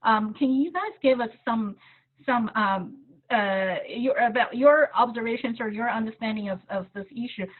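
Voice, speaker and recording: Halting woman reporter on a tinny video call. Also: a little high. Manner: halting, searching for words. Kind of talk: asking a question at a press briefing.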